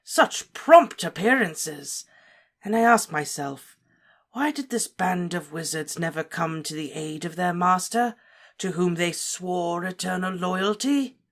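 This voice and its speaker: A woman voicing a cold, cruel male dark wizard lord, speaking softly, slowly and with deliberate menace. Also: lowish voice, pitched above the performer's own voice. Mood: menacing. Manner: soft, menacing, slow and deliberate.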